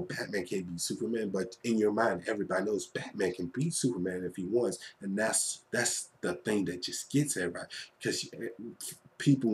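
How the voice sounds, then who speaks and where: A man with a fairly low, slightly mellow voice gives a casual, enthusiastic fan review of a film to camera or mic, gushing conversationally and repeating phrases for emphasis.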